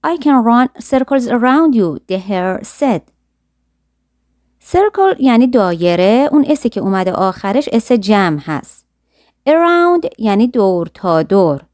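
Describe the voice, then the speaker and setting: A woman teaching a short story, reading each sentence slowly and clearly and then explaining the words quickly and casually. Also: mid-range voice, darkish tone, no echo, clean studio sound. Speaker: English teacher.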